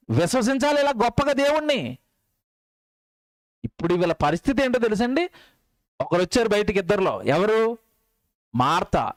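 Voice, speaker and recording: A man preaching a sermon, animated, repeating lines and putting rhetorical questions to his listeners. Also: sits high, dry recording.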